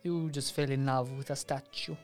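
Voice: medium pitch, steady tone, normal speed, faint music behind, close to an everyday voice. A performer playing an archbishop interviewing candidates, in a mock-solemn, repetitive manner, in improvised comedy. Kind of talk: improvised comedy role-play.

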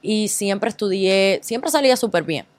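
A woman with a Cuban accent, a guest in a casual interview, telling her story lively and mixing English words into her Spanish. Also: mid-range voice, a little slow, no room sound. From Cuba.

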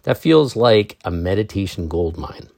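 Calm, low-voiced man reading on meditation. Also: measured pace, gravelly, no room sound, studio quality. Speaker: meditation podcast host. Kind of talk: reading an article aloud, then commenting.

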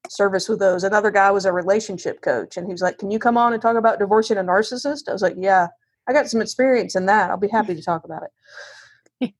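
Her mid-range voice is slightly rough and her pace quick: a Southern US woman, working as a divorce lawyer, chatting on a podcast as a guest. The interview is casual, and she's frank and self-deprecating, frequently dramatizing things she and others have said.

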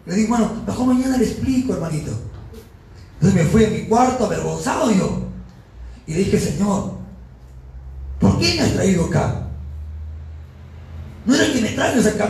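A man's voice: very high voice, vocal fry, darkish tone. A man preaching a sermon as pastor, telling his story with fervor. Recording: echoey church room with faint noise.

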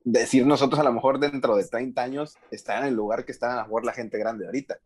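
A man's voice: mid-range voice, steady tone, quick pace, a little mellow, slightly rough. A man with a Mexican Spanish accent co-hosts a casual podcast. He talks in a joking, slangy way. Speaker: podcast co-host. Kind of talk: casual chat.

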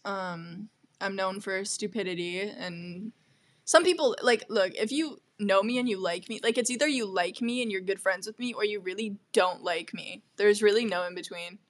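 A woman's voice: medium pitch, normal speed. A young woman co-hosting a podcast who chats and rambles casually, with many "like"s. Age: young adult. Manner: chatty, rambling, lots of "like". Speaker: podcast co-host. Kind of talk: casual chat.

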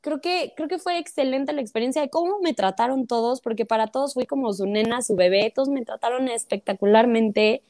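A woman's voice: on the high side, fairly quick, few pauses, a little mellow, no echo, clean studio sound. A young Mexican woman, a social media creator, chatting as an interview guest in a bubbly, gushing way and laughing often. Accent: Mexican Spanish. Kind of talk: casual interview chat.

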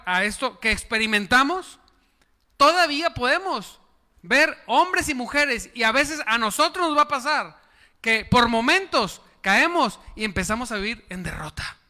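A man's voice: extremely high pitch, sharp tone, big-room sound. A man preaching a sermon as pastor, calling on the congregation to repeat words and applaud. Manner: preaching with call-and-response to the congregation.

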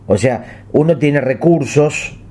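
Rioplatense dude telling absurd bits deadpan, warm dark voice. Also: male voice, a little high, slow pace, breathy edge. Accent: Rioplatense Spanish. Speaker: co-host. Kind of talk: casual comedic banter.

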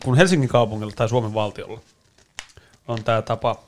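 A man's voice: fairly low pitch, a little mellow. Playful, teasing young man. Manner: playful, teasing, often laughing. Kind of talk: casual chat among roommates.

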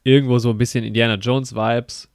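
A man's voice: mid-range voice, little pitch movement, brisk, no room sound, studio quality. A man chatting casually while reviewing a film on a podcast, rambling with many fillers and restarts and enthusiastic slang.

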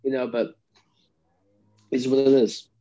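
A man's voice: medium pitch, little pitch movement, unhurried, warm tone. A young American man co-hosting a casual sports chat, giving his picks, on dull lo-fi audio. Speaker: sports talk co-host.

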